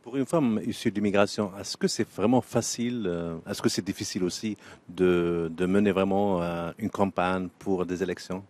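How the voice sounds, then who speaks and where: Low-voiced male interviewer. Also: fairly even intonation, moderate pace, a little mellow. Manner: plain, brief questions. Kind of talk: interview questions.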